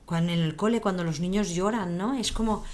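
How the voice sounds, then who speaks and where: A woman and mother talking calmly in conversation, reflective, repeating words for emphasis. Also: fairly low pitch, fairly quick. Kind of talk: conversational talk.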